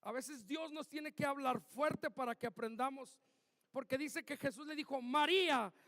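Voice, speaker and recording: High-voiced pastor preaching. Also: male voice, moderate pace, a bit bright. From Mexico. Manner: preaching with emphatic outbursts, acting out quotes. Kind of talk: sermon. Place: church hall. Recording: echoey church hall.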